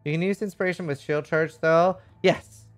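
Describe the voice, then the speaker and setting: With faint music behind him, a man livestreams casual game commentary, reading chat and musing aloud in a frank, rambling style with occasional swearing. His voice is slightly high, his tone steady, and his pace moderate.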